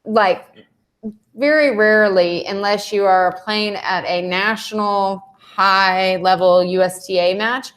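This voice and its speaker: A woman's voice: medium pitch, fairly even intonation, takes it slowly, fairly bright tone. A woman tennis coach explaining match strategy in a casual live panel chat, with lots of "um" and "like". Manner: explanatory, many fillers like um and like.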